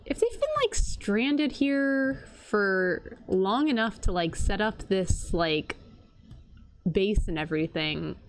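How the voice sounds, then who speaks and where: A woman streaming a video game with casual, reactive live commentary, expressive and full of exclamations. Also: mid-range voice, takes it slowly.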